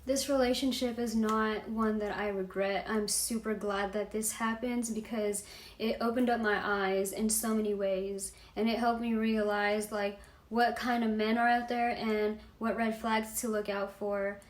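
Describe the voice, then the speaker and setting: A woman's voice: medium pitch, fairly even intonation, a little slow, reverberant. A young woman casually telling a personal story on her vlog, slangy and full of "like". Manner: slangy, fills talk with "like".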